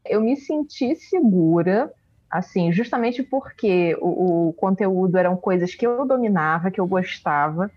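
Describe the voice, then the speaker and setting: A woman, a forensic expert and teacher, telling her story in an interview in a casual, animated way with many fillers. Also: lowish voice, unhurried, no echo, muffled recording. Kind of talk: interview answers, personal story.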